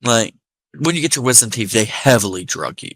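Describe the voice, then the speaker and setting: A man's voice: mid-range voice, lively intonation, brisk, a bit bright, dry recording. A man with an American accent touched with Appalachian, telling anecdotes in a sweary, rambling casual chat. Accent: American, slightly Appalachian.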